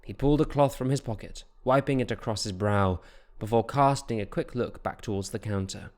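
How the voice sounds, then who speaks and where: A man narrating a fantasy audiobook in a steady, measured storytelling voice. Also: on the low side.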